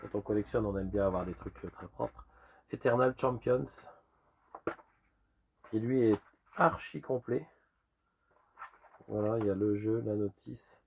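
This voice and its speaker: A man with a rusty, hoarse voice worn by a lingering cough, casually presenting a collection in an informal, rambling show-and-tell. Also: fairly low pitch, unhurried, pauses often, a little mellow, slight background noise. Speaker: retro game collector presenting a sale.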